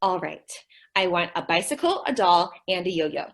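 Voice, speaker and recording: In an old-time radio comedy, a woman plays a sweet, naive, scatterbrained young woman with an innocent, hesitant delivery. Her fairly low voice has a sing-song lilt at normal speed, and the mood is guileless.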